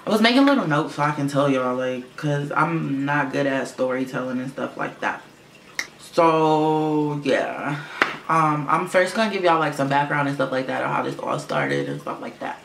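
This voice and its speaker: Talking to camera from a room at home, a young man tells a casual storytime vlog with plenty of fillers and curse words. His gravelly, fairly bright voice swings widely in pitch at a moderate pace, and he claims it's low for a boy but sounds girlish. A fish tank filter hums faintly under a roomy echo.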